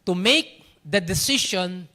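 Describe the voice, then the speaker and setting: A man with a Filipino accent preaching a sermon, animated, telling stories and switching between Tagalog and English. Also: sits high, takes it slowly. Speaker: pastor.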